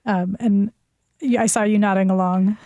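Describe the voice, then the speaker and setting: A woman's voice: mid-range voice, steady tone, normal speed, mellow, no echo, lo-fi sound. A woman hosting a live public radio talk show, speaking in a presenter's style.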